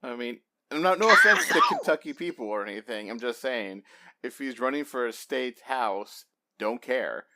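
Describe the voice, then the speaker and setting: A man's voice: mid-range voice, huge pitch swings, normal speed, background noise. A man co-hosting a movie review podcast, talking casually with exasperated asides. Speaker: podcast co-host.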